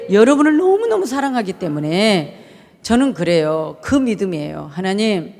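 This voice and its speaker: A woman pastor preaches in a lively, sing-song voice that rides high above most speakers. She jumps from shouts down to quiet, murmured asides, constantly questioning her congregation. The long tail of a big, reverberant church hall follows every phrase. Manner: swings between shouting and near-murmur. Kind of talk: sermon. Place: church sanctuary.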